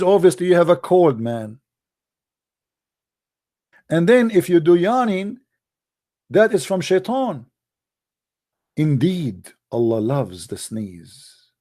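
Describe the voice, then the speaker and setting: A man delivering an animated, sarcastic ranting monologue in broken English grammar, often breaking into mocking laughter. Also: a little high. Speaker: online commentator.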